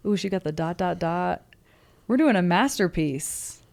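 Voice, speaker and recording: A woman's voice: fairly low pitch, lively intonation, a little slow, gravelly, a little mellow. A young woman hosting a casual podcast interview, bubbly and giggly, with plenty of "um"s. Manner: bubbly and giggly, with frequent fillers. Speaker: podcast host.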